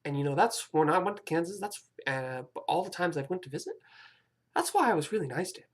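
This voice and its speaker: 20ish vlogger rambling + apologizing, kinda husky, voice jumps around a lot. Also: medium pitch, big pitch swings, a little fast. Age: about 20. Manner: hesitant and apologetic, many fillers and restarts. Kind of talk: rambling personal confession to camera.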